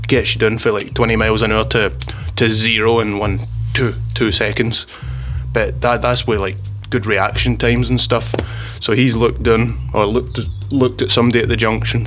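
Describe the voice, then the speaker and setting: A man's voice: lowish voice, fairly bright tone. Scottish man telling a rambling story. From Scotland. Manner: rambling, with frequent restarts and chuckles. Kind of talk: casual storytelling monologue.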